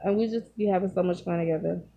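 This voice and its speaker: A woman in her thirties telling casual stories while she eats, talking with her mouth full and pausing to chew, recorded on a phone in a room at home. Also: on the low side, fairly even intonation, gravelly, husky, highs cut off. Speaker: vlogger. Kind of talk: casual storytelling while eating. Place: small home room, indoors. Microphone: phone at arm's length.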